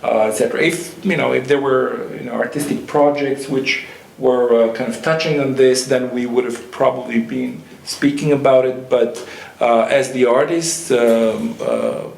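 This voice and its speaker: A man's voice: mid-range voice, steady tone, gravelly. Male panelist, hesitant and rambling, recorded in an echoey hall. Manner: halting, many fillers and restarts. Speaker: panelist and organizer. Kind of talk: panel discussion. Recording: echoey hall, faint noise.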